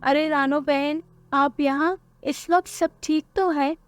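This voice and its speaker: A woman voicing a caring mother bird in a cartoon who asks gentle, concerned questions. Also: high voice, steady tone, slow, no room sound, pitched above the performer's own voice.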